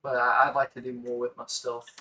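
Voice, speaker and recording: A man's voice: mid-range voice, monotone, fairly quick, pushed and bright. A man playing in a tabletop game, chatting casually and asking uncertain questions about the rules. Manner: asks rule questions, unsure. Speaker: player.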